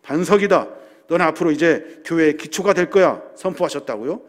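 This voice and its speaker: A man's voice: on the high side, animated, brisk. A man preaching a sermon as senior pastor, earnest and explaining, building up to emphatic passages. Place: church sanctuary hall. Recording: long church hall reverb.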